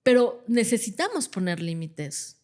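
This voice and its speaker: A woman, a clinical psychologist explaining calmly with everyday examples and checking in with "ajá". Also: fairly high pitch, measured pace. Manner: acts out quoted parents in a different voice. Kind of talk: conversational explanation.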